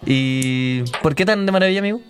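A man's voice: fairly high pitch, lively intonation, a little fast, soft background music. A man with a Chilean Spanish accent co-hosting a radio call-in show, reading tweets and questioning a caller playfully. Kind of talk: casual chat, reading tweets.

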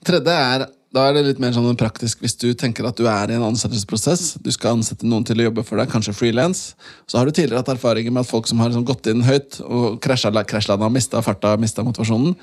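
Practical male co-host laying out a scenario. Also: mid-range voice. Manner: practical, explains a scenario step by step. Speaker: podcast co-host. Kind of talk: casual interview chat. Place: studio in a city.

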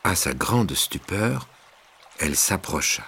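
Deep-voiced male dramatic storyteller. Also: slow pace, gravelly, husky. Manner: theatrical, rising in pitch and force at tense moments, hushed at calm ones. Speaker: narrator. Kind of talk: scripted dramatic narration of a legend. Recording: music bed underneath.

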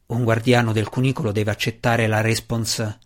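A man voicing a gruff, weary deep gnome man weighed down by guilt, speaking slowly and in a low grumble. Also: level tone, natural voice.

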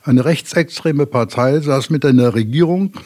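A man, a former school official, giving a prepared account in a calm, matter-of-fact way. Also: medium pitch, normal speed.

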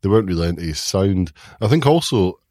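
A man co-hosting a podcast, delivering dry deadpan jokes with hesitant ums. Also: sits low, quick pace, dry recording. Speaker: podcast co-host. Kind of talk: casual chat.

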